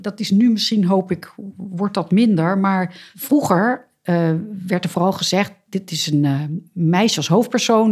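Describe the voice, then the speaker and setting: A woman's voice: lowish voice, a little mellow, slightly rough. A woman guest in a casual book discussion, speaking earnestly and reflectively, with some hesitation. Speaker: guest author.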